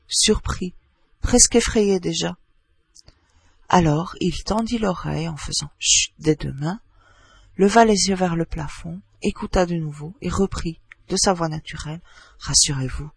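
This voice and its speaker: Husky, high-voiced male narrator. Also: no echo. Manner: measured, expressive storytelling. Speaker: audiobook narrator. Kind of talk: literary audiobook reading.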